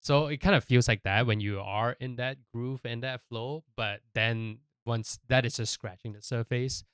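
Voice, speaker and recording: A Malaysian man hosts a casual podcast, rambling through his explanations and often checking in with "right?" and "you know." His mid-range voice is fairly bright, clear and resonant, with fairly even intonation at a normal speed. The studio recording is clean, with no room sound.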